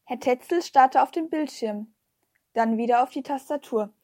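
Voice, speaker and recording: A woman narrating a children's story in a lively first-person storytelling manner. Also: sits high, normal speed, no room sound, clean studio sound. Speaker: audiobook reader.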